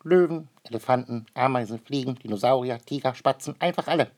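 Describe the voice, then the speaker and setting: In a read-aloud storybook, a man voices a fussy, curious male water bird, speaking in a high, questioning, naively clever manner. His delivery is brisk and lightly acted, with a darkish tone.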